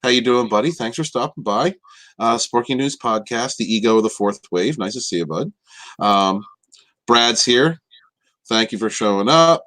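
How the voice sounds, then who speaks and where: A man's voice: medium pitch, lively intonation, moderate pace, fairly bright tone. Easygoing male live-stream host. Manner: easygoing, laughs, greets viewers. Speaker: host of a live interview show. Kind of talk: casual live-stream interview.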